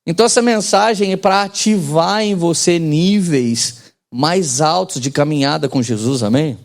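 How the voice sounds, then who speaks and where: A man's voice: a little high, unhurried. A man in his forties preaching a sermon as pastor, in a casual joking manner with slang and call-and-response to the congregation.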